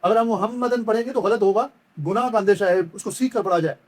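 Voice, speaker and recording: A high-pitched man giving a step-by-step recitation lesson. He explains each error with patient repetition, then slowly chants the words and draws them out as a demonstration. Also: a little mellow. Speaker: Quran recitation teacher.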